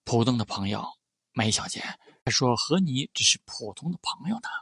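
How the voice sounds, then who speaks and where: A man voicing a calm, ruthless tycoon. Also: mid-range voice, normal speed, breathy edge, no echo, studio quality. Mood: cold menace. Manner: calm, quietly menacing. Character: cold, ruthless powerful young tycoon, man.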